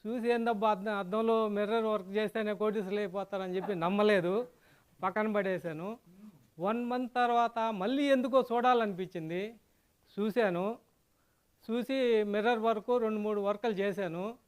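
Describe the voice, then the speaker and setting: Higher-voiced man giving thanks and a testimonial. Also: fairly even intonation, moderate pace, smooth. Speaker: seminar participant giving a testimonial.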